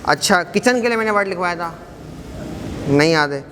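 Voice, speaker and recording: A man teaching an Arabic class, briskly quizzing students and encouraging them not to be shy. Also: high voice, lively intonation, fairly bright tone. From Pakistan. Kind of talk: classroom quiz lesson. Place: mosque hall. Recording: echoey hall with background noise.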